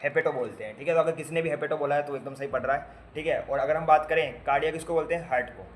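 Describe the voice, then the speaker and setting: A man's voice: a little high, rapid-fire, slight background noise. A man teaching basic medical terms to nursing students in a casual lecture, spelling out word parts, repeating them and quizzing his students with playful asides. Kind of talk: classroom lecture.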